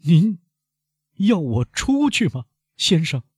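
A man's voice: big pitch swings, moderate pace, breathy edge, no room sound, clean studio sound. A man reading an audiobook, voicing a desperate young man who pleads and questions urgently. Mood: pleading. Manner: urgent, high and loud pleading. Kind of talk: audiobook character voice.

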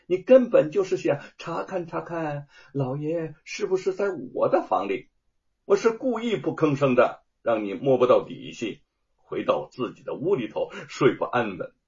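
A man putting on a coy, sharp-tongued young concubine. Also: fairly high pitch, lively intonation, moderate pace, voice pushed up. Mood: defiant. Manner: sweet, wheedling, sharp-tongued. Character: sly young woman, coquettish concubine. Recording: dull lo-fi audio.

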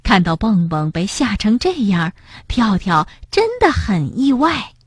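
Expressive woman reading a children's story. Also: mid-range voice, a little slow, breathy edge, dry recording, studio quality. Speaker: storybook narrator.

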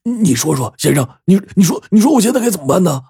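A man's voice: high-pitched, sing-song, fast, gravelly, dark tone, slightly rough, no echo, studio quality, voice pushed up, full character voice. A man voicing an anxious, simple-minded village man who stammers and pleads earnestly in an audiobook. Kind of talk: audiobook character voice.

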